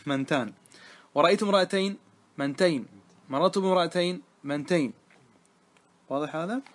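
A man's voice: sits high, brisk. A man teaching grammar in a classroom lesson, quizzing his students again and again. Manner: quizzing students with repeated questions.

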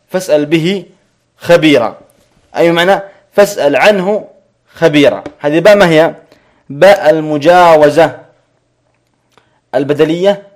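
A man teaching a grammar lesson, repeating each point slowly and checking that students follow. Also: fairly high pitch.

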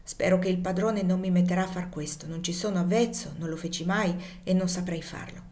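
A woman voicing a humble, gentle enslaved man who speaks softly and pleadingly but stays firm. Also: on the low side, brisk, lightly acted. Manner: soft, pleading, quietly steady.

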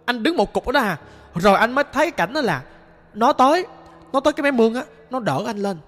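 A man's voice: very high voice, lively intonation, fast talker, a bit bright. A man with a Southern Vietnamese accent voicing the sorrowful ghost of a young man, recounting in a plain, rambling way with many restarts. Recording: long reverb with music behind.

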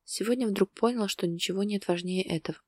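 A woman's voice: mid-range voice, fairly quick, no room sound, clean studio sound, natural voice. A woman reading the lines of a restrained man who is torn up with emotion, speaking tense and urgent in a storybook reading. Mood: tender. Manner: tense, urgent, speaking through gritted teeth. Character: distraught adult man, restrained but emotional lover.

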